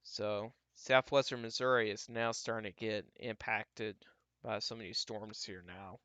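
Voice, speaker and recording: A man giving casual, off-the-cuff live weather radar commentary as a livestream storm tracker, halting and repeating himself as he talks through what he scans. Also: on the low side, steady tone, a bit bright, no echo, highs cut off. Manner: talks to himself while scanning, halting and repetitive.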